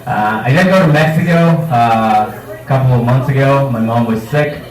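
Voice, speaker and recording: A man working a bar crowd with loose, foul-mouthed, self-mocking stand-up. His voice sits in an ordinary middle pitch. The recording catches him from a distance in a reverberant room. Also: normal speed, darkish tone. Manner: casual, profane, self-mocking crowd work. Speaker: stand-up comedian. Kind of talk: live stand-up set. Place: bar comedy night. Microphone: handheld microphone. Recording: roomy bar sound from a distance.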